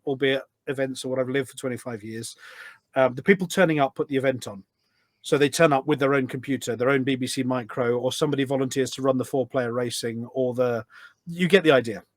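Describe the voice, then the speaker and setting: In clean studio sound with no room sound, a middle-aged man with a medium-pitched voice guests on a podcast. The volunteer event organiser talks casually and at length in a conversational interview, explaining things through anecdotes.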